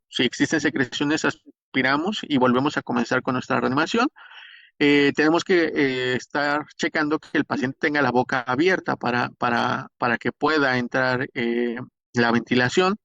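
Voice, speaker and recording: A man's voice: medium pitch, normal speed, creaky, fairly bright tone, dry recording. Hesitant Mexican male instructor. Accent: Mexican Spanish. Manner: explanatory, many hesitations and restarts. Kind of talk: spoken lecture. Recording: dull, dry lo-fi recording.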